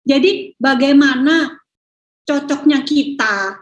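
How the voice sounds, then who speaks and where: A middle-aged woman with a high, bright voice tells personal stories in a casual, chatty way, with fillers and laughs. Her voice rings in an echoey room. She talks like a speaker sharing testimony at a religious gathering. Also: slow pace, lo-fi sound. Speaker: speaker giving a Buddhist Dhamma talk.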